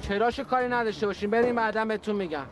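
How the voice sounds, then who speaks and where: A man's voice: high-pitched, fairly even intonation, music in the background, close to an everyday voice. An actor playing a hedging football club coach in a TV comedy, who backpedals on his own reassurances. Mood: bossy. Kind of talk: TV sitcom acting.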